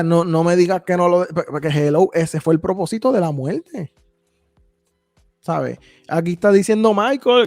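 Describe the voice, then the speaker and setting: Male podcast host, high and gravelly, reads verses and asks rhetorical questions, dry mic. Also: darkish tone, no room sound. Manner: reads scripture aloud, explains with rhetorical questions. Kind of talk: casual Bible discussion.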